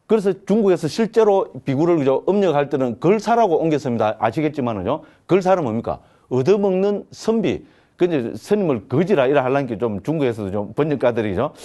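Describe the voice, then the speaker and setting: Mellow-voiced monk giving a lecture. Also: male voice, medium pitch. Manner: keeps asking the class rhetorical questions. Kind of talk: lecture on Buddhist teaching.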